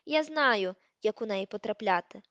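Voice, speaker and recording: A woman voicing a sharp-voiced, arrogant teenage boy who snaps irritated commands in a storybook reading. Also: mid-range voice, animated, normal speed, dry recording, dull audio, lightly acted.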